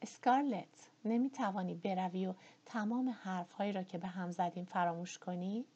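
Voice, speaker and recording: A woman voicing a gentle young gentleman, earnest and kind, with a breathy, slightly muffled voice. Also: medium pitch, fairly even intonation, lightly acted.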